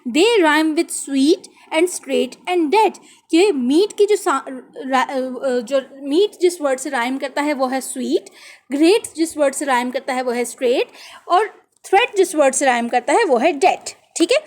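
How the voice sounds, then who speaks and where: A woman teaching English spelling, who slowly repeats each word and spells it out letter by letter. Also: high-pitched, expressive, darkish tone. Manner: reads English verse lines slowly and deliberately. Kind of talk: classroom lesson explaining English spelling in Hindi.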